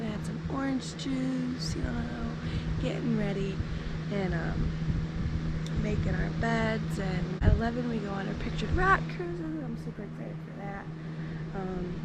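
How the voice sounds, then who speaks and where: A high-pitched woman talking to her camera in an easy, unhurried way, upbeat and a little giggly. Loud outdoor noise runs under her voice the whole time, like a handheld travel vlog. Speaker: vlogger. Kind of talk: casual travel vlog chat. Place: outdoors and in a car on a road trip.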